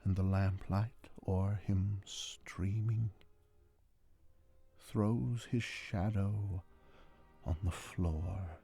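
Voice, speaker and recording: A man giving a dramatic poetry reading in a deliberate, theatrical manner. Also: low-pitched, fairly even intonation, creaky, mellow, husky. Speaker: amateur reader. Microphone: handheld digital recorder, close and dry. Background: string quartet music.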